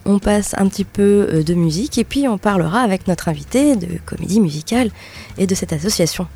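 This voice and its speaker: A woman's voice: mid-range voice, expressive, a little fast, dark tone, slightly rough. A woman hosting a radio show in a studio, chatting casually, laughing often and using many fillers.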